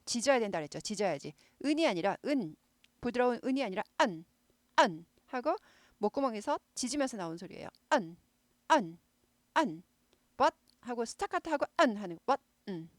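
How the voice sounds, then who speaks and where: A woman's voice: on the high side, no room sound. A middle-aged woman teaching English pronunciation, explaining step by step and repeating words over and over. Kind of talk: pronunciation lesson.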